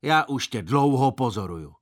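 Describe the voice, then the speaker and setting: A man's voice: mid-range voice, expressive, close to an everyday voice. A man doing a grumpy old busybody neighbor. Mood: scolding. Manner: scolding, threatening.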